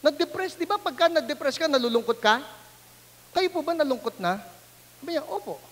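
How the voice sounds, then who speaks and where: A man's voice: very high-pitched, animated, fairly quick, a bit bright, big-room sound. A man preaching as a pastor, telling a story animatedly and acting out the people in it. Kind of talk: sermon storytelling.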